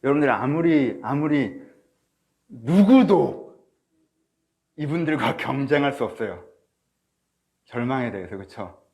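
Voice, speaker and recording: Preached online to a congregation, this sermon comes from a man whose medium-pitched voice moves at a moderate pace and is slightly muffled by his face mask. He questions his listeners directly and plays out their inner thoughts aloud.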